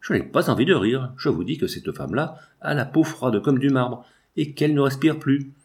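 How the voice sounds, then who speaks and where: A man's voice: medium pitch, expressive, moderate pace, a little mellow, natural voice. Man reading an earnest young painter for an audiobook, urgent and insistent. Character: tall dark young male painter, earnest.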